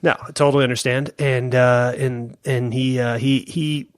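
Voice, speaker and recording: A man's voice: mid-range voice, flat delivery, moderate pace, clean tone, no echo, clean studio sound. A man co-hosting a movie review podcast, chatting casually and joking, with lots of restarts. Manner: rambling, jokey, full of restarts. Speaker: podcast co-host.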